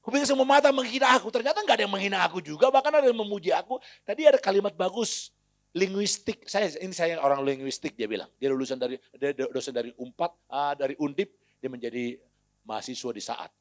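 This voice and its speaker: A high-pitched man preaches a sermon in a church hall. He tells his stories quietly, then rises into loud, shouted exhortation. He keeps calling out to the congregation as his friends. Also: fast talker. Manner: addresses the congregation as friends, often calling out "hei". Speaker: pastor.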